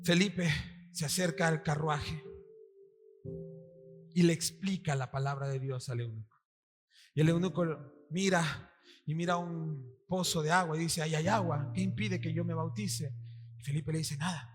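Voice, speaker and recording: A man's voice: a little high, normal speed, long pauses. A male pastor with a Peruvian accent preaching a sermon to his congregation, acting out quotes and firing questions at the room. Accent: Peruvian Spanish. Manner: animated, acts out quotes, quizzes the congregation. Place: church hall with congregation. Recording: long hall reverb, faint music.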